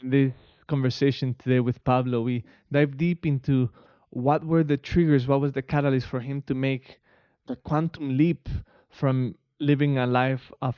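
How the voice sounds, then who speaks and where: A man hosts a casual interview podcast from his home in Costa Rica, earnest and enthusiastic, often murmuring agreement and saying hmm while his guest talks. His medium-pitched voice is smooth, on a dry recording with the highs cut off.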